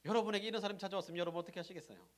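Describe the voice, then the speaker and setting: A middle-aged man preaching a sermon as pastor, asking the congregation questions and answering them himself, moving between loud emphasis and soft, low asides. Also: steady tone, rapid-fire.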